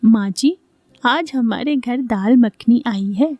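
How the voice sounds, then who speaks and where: A woman voicing an eager, dreamy young daughter-in-law who speaks with excitement. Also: on the high side, takes it slowly, no room sound.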